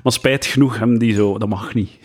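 A Flemish man talking casually, rambling and animated, with many fillers and restarts. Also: on the low side, quick pace. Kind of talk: casual discussion.

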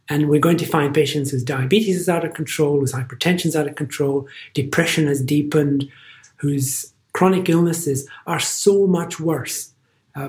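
A man's voice: fairly high pitch, darkish tone. A middle-aged man with an Irish accent, a physician guest on a podcast interview, speaking earnestly and stressing his points through repetition. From Ireland.

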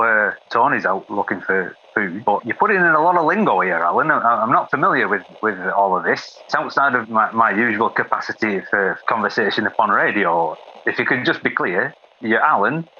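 A man's voice: on the low side, expressive, normal speed, breathy edge. A man playing a flustered, fussy man who stammers and rambles over a walkie-talkie radio, his voice heard through the radio. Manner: stammering, hesitant, wordy. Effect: muffled walkie-talkie radio sound. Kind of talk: comedy radio sketch. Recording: dull lo-fi walkie-talkie line.

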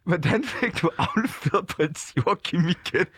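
A man with a high voice hosts a comedy radio interview. He fires quick, amused follow-up questions in a dry studio with no room echo. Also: animated, fairly bright tone, breathy edge.

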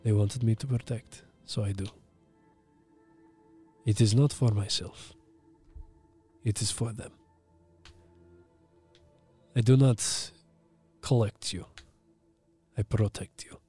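Ancient benevolent male dragon, as a game master puts him on: deepened, slow, measured, hushed, mock-Russian accent. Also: slightly rough, soft background music. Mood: calm, solemn. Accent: put-on Russian-like accent. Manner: slow, calm, measured pronouncements.

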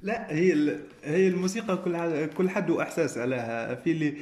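A man's voice: fairly high pitch, quick pace, a little mellow, roomy sound. A Libyan man in his twenties, a podcast guest, speaking in a reflective, hesitant way. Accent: Libyan Arabic. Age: 20s. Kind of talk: conversational interview.

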